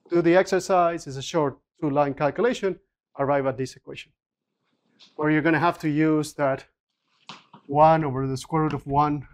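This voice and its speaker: Lecturer working through equations. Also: mid-range voice. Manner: explanatory, with frequent restarts and fillers. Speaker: physics lecturer. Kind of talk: university lecture. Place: lecture room.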